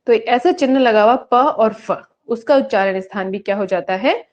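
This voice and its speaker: A woman gives an online exam-prep lecture in a slightly high voice. She asks questions and answers them herself, and she chants the rule lines slowly. The audio is dull and lo-fi. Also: a little mellow. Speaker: Sanskrit teacher.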